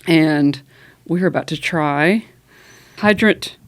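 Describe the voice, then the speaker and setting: A woman race director co-hosting a casual podcast from an office, upbeat and quick to laugh. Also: sits low, dry recording. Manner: upbeat, laughs often, enthusiastic.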